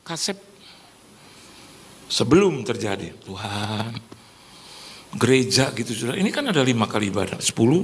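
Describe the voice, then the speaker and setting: A middle-aged male pastor preaching in a church, telling lively stories with acted-out quotes and calling out to the congregation. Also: mid-range voice. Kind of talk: sermon.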